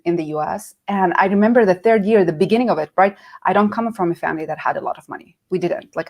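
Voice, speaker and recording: A middle-aged woman from Nazareth, a guest telling her career story in a casual interview and acting out quoted voices. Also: fairly low pitch. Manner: animated, acts out quoted voices.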